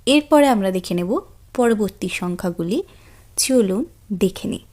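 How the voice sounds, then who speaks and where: A woman's voice: mid-range voice, expressive, normal speed, a little mellow. A woman teaching a language lesson, patiently repeating each word for learners to echo. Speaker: French teacher. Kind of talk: slow, clear language lesson.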